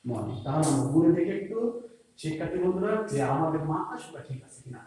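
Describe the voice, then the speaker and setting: Male Bangladeshi teacher, slightly high voice, patient step-by-step lesson, recorded a bit off-mic in a very echoey room. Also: animated, dark tone, far from the mic, slight background noise. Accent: Bangladeshi Bengali. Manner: patient, counts syllables aloud slowly. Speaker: school teacher. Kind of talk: classroom lesson on poetry meter.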